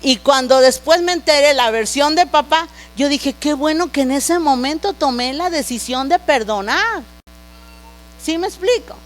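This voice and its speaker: A middle-aged woman preacher with a high voice delivers an emotional testimony from the pulpit, talking directly to her congregation and building to fervent intensity. A low mains hum runs faintly beneath her voice. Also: animated, normal speed. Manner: emotional, grows louder and more intense. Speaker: pastor and prophet. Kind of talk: sermon. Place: church.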